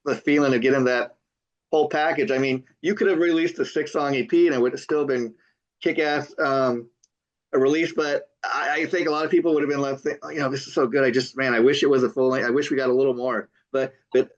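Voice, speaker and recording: An older man hosting a casual TV interview talks fast in a medium-pitched, steady voice. He stammers, repeats words and throws in frequent enthusiastic wows, and the lo-fi recording sounds dull.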